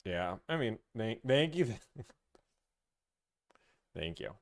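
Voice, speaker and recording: A man's voice: on the low side, very animated, takes it slowly. A man hosting a casual live stream, rambling, teasing and answering comments from chat.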